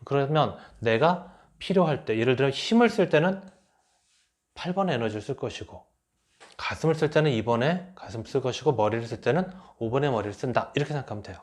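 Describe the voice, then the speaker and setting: A middle-aged man giving a lecture, talking lively and acting out the remarks he quotes. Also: medium pitch, fairly quick. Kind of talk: enneagram lecture.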